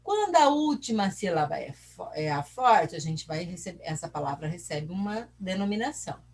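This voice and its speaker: A woman's voice: lowish voice, very animated, moderate pace, darkish tone, a little hiss or hum. A Brazilian woman teacher explaining a lesson, asking her own questions and answering them while stretching out syllables. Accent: Brazilian Portuguese. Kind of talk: recorded class lesson.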